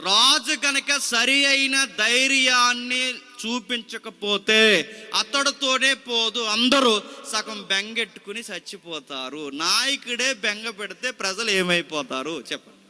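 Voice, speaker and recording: Bright, high-voiced preacher man. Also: measured pace, long reverb tail. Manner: dramatic, rhetorical questions to the congregation; repeats scripture phrase by phrase after a reader. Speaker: pastor. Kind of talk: sermon.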